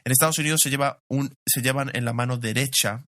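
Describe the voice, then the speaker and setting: A man's voice: medium pitch, fairly even intonation, fast talker, a bit bright, no room sound, studio quality. A middle-aged man, a pastor, preaching a sermon in a conversational way, asking rhetorical questions and telling personal stories.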